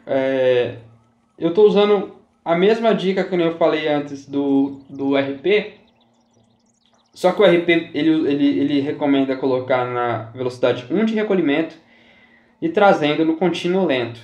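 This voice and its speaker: A gaming YouTuber with a fairly high, slightly mellow voice gives casual fishing game tips at a measured pace. He's chatty and repetitive, often checking in with viewers and saying "galera" and "tá?" a lot. The recording is muffled with a roomy echo.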